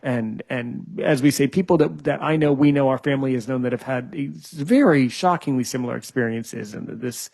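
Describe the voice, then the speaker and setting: Speaking at a normal speed with hardly any pauses, this podcast host has a creaky, mid-range voice with a darkish tone. He jokes with and teases his guest during a video call interview, restarting often and dropping plenty of "you know"s.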